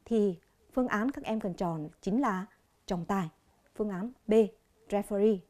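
Mellow-voiced Vietnamese woman teaching English. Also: medium pitch. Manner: slow, clear, repeats each word. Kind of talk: televised classroom lesson.

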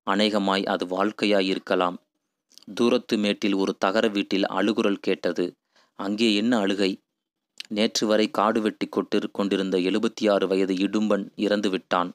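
A man narrating a novel as an audiobook, with a measured, poetic delivery. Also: on the low side, little pitch movement, no room sound. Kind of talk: reading a novel aloud.

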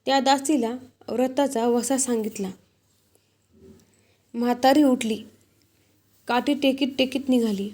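A woman storyteller reading a devotional folk tale in a measured, deliberate way. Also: high voice, fairly even intonation, darkish tone.

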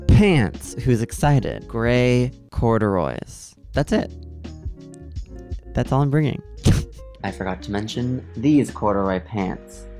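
A man in his twenties talking casually to camera in a vlog at his parents' home, self-deprecating and calling his own voice monotone. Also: mid-range voice, slow pace, long pauses, soft background music. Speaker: vlogger.

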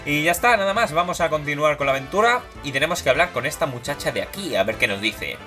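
A man's voice: expressive, fast talker, sharp tone. A young man gives casual, playful commentary while playing a video game. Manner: playful, voices game characters in silly high tones. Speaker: gaming YouTuber. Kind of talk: casual Let's Play commentary. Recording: game music behind voice.

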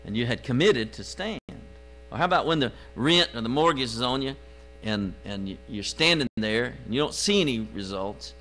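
A man preaching a sermon in church, moving from quiet low asides to loud, drawn-out exclamations. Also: lively intonation, poor audio. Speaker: pastor. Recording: live stream with faint mains hum.

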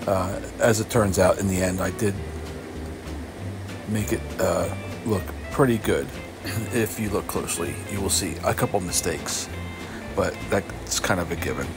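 An older man narrating his own woodworking project in a casual, halting way with many fillers. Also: low-pitched, music in the background. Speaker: homesteader vlogger. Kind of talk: casual DIY voice-over narration.

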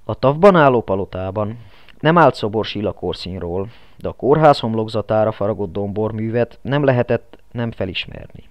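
A man narrating an audiobook in steady, scripted storytelling. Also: lowish voice, no room sound. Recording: dull lo-fi, dry.

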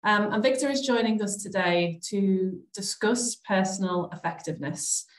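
A woman's voice: mid-range voice, moderate pace. A young woman hosting an interview over a video call, reading an introduction and asking questions in a friendly way. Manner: friendly, reads introductions with fillers. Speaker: host. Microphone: laptop webcam on a video call. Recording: echoey room on a video call.

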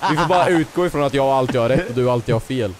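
A young gaming YouTuber chats casually during a co-op game, joking, teasing and getting excitable. His voice sits at a medium pitch, and there's noise in the background.

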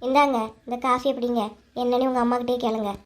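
A woman's voice: on the high side, flat delivery, quick pace, lightly acted. A woman voicing a blunt, complaining young daughter-in-law with a Kanyakumari Tamil accent in a cartoon story.

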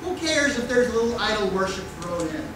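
A man's voice: high voice, sing-song, brisk. Middle-aged male pastor preaching in an echoey church. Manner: conversational preaching with mock voices and pointed rhetorical questions. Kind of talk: sermon. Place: church sanctuary. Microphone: far room mic at a pulpit. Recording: echoey church from far off with noise.

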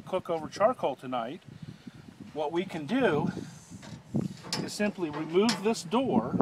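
A man in his fifties gives a chatty product demonstration outdoors, slipping jokes into his sales patter. His voice sits somewhat high for a man. Clicks and passing vehicles come through clearly in the background. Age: 50s. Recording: audible outdoor background noise.

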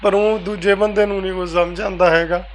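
A man answering an interviewer's questions in a soft-spoken, casual way. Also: sits high, fairly even intonation, a little fast, a little hiss or hum, rough recording. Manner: soft-spoken, repeats "veere" often. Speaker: interviewee, family member.

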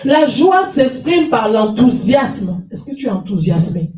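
With faint music behind her, a French pastor speaks in a very animated, darkish, highish voice at a measured pace. Middle-aged and suffering from a cold, she preaches emphatically from a lectern with a handheld mic, repeating phrases and calling for amens. A far camera records her from a distance in an echoey small church hall with a stage.

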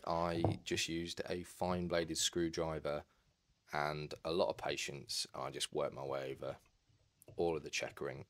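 Brief: male tutorial narrator, deep and low-pitched, steady practical delivery. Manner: calm, practical, step-by-step advice. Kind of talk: instructional voice-over.

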